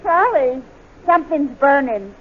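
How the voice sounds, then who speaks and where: An actress playing a gloomy, long-suffering wife with a plaintive, weary manner in a 1940s radio comedy. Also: female voice, high voice, big pitch swings, unhurried. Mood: weary, mournful. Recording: very noisy, tinny 1940s radio, audience sounds.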